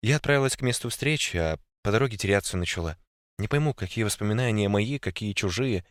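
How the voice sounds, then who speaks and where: A man's voice: on the low side, fast, dry recording, clean studio sound. A man narrating a first-person story expressively and voicing every character himself. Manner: expressive, voices all characters. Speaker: audiobook narrator.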